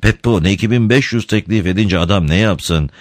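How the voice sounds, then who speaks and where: A man voicing Christ as a patient, gently ironic divine speaker. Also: lowish voice, moderate pace, dry recording, clean studio sound, natural voice. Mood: calm.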